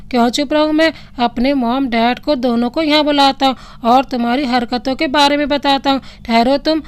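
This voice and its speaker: A woman's voice: high-pitched, steady tone, normal speed, lightly acted. A woman voicing a cheeky young husband who grumbles and jokes sarcastically about his marriage. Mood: mock outrage. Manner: sarcastic complaining banter.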